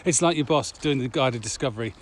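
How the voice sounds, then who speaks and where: This podcast co-host, a corporate trainer by trade, speaks a little fast in a mid-range voice. He's discussing things casually and thoughtfully while walking outdoors, and faint traffic noise can be heard.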